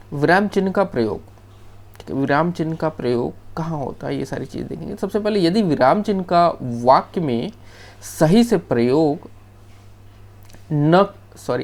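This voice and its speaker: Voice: medium pitch, creaky, darkish tone. A teacher giving a screen-shared grammar lesson, explaining step by step in a loose, off-the-cuff way and often checking in with the class. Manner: loose, off-the-cuff delivery with restarts.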